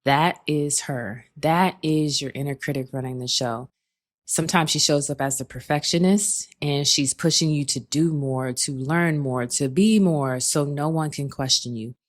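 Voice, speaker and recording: A woman with a notably low speaking voice talks the listener through a faith-based self-help monologue. Her delivery is calm and reflective, warm in its direct address, with pet names and little "okay?" check-ins woven in. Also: a little slow. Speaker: podcast host.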